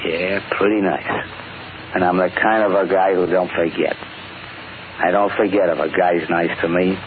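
A man's voice: sits low, fairly even intonation, moderate pace, natural voice. A man playing a blunt, suspicious, slangy tough-guy crook in an old-time radio drama. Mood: worn out, brooding. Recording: tinny, noisy old radio recording.

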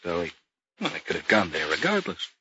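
An actor playing a polite, persistent investigator from London in a radio drama. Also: male voice, low-pitched, wildly swooping pitch, brisk, bright, forceful tone, heavily acted. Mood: reasoning. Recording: dull radio recording with faint hiss.

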